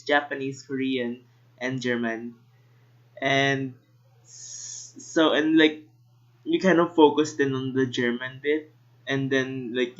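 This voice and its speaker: A man's voice: medium pitch, fairly bright tone, highs cut off. A young man hosting a casual podcast, rambling with lots of fillers and restarts. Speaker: podcast host. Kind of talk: casual podcast chat with narrated links.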